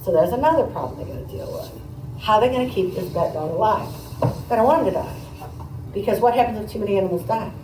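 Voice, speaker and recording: Here a woman teacher moves quickly through a read-aloud for kids, her medium-pitched voice explaining and tossing questions to her listeners between conversational asides. It's captured from afar in a roomy room with some background noise.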